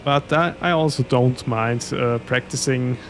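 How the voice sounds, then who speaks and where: Over a faint hiss or hum, a man talks a little slowly in a mid-range voice. He's an Austrian sim racing streamer, a German native speaker with an Austrian German accent, casually chatting with viewers on a live stream and frequently chuckling.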